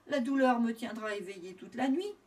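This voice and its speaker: A woman's voice: on the high side, animated, moderate pace, a little mellow, recorded from a distance, lightly acted. A woman voicing a small male piglet, plaintive and whimpering. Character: small sad male piglet, whiny and hopeful.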